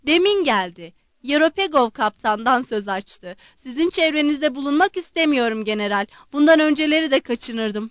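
A sickly young man pushes his point with steady mockery, as a woman reader puts him on. The voice sits high and is recorded dry and close. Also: dry recording. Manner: mocking, insistent. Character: sickly, mocking young man, sneering and stubborn.

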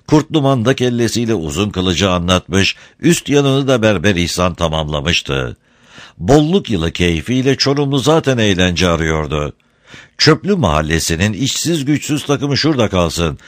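Low, dry-sounding male storyteller; steady and measured. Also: dry recording. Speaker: narrator. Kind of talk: storytelling reading.

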